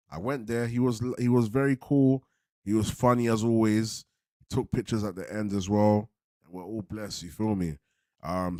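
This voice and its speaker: Recorded cleanly in studio quality without echo, a London man who hosts a football fan channel chats casually to his livestream audience. His voice sits lowish with a darkish tone, and he speaks in a laid-back roadman accent laced with multicultural urban slang, repeating himself a lot.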